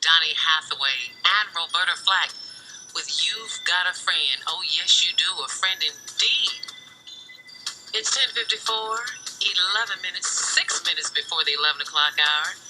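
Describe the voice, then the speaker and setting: In this rough radio aircheck, with music playing underneath, an American woman guest-hosts a gospel show from a studio, using a broadcast studio microphone. Her voice is on the low side and unhurried. She keeps up cheerful, upbeat announcer patter, saying hello to listeners and reading dedications.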